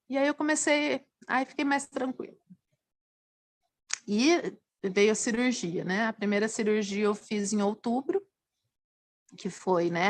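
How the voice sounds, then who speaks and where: Expressive Brazilian woman, higher voice. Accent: Brazilian Portuguese. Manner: earnest, expressive, pitch swinging up with feeling. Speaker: nurse, talk show guest. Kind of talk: personal story in a TV interview.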